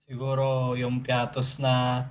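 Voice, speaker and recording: Slow-talking man hosting a podcast. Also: medium pitch, completely flat delivery, lo-fi sound, slight background noise. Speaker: podcast host. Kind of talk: casual chat.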